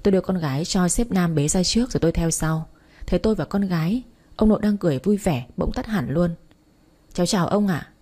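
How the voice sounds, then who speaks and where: A woman reading a romance story aloud in the first person, steady and even. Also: lowish voice, fast. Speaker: story narrator. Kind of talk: first-person audiobook narration.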